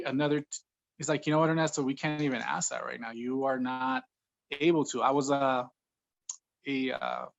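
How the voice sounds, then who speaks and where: Man, 30s, interviewee recounting a personal ordeal; unpolished, halting, restarts often, mid-pitch. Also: fairly bright tone, poor audio. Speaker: COVID-19 survivor interviewee.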